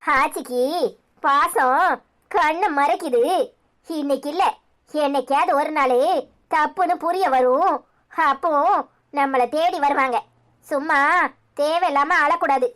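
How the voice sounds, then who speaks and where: A woman's voice: high voice, a little slow, long pauses, a bit bright. A woman voicing a caring young mother and wife in a cartoon serial, speaking with a Tirunelveli Tamil accent, soothing her children and blaming herself. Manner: soothing with children, anxious with husband.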